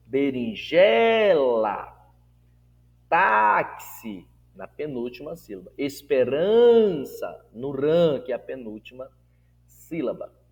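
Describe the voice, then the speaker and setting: A man's voice: medium pitch, a little mellow, big-room sound. A man teaching a Portuguese grammar lesson. He stretches words out syllable by syllable when modelling them and checks in with his students through questions. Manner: asks the class rhetorical check-in questions. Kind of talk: recorded classroom lesson.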